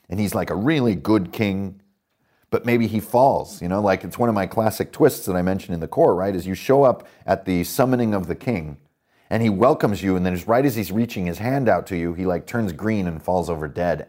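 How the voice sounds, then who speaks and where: A man with a low voice hosts a roleplaying game podcast. He rambles with enthusiasm about his setting, leaning on fillers and asides. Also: a little mellow. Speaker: podcast host and dungeon master. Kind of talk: casual worldbuilding talk.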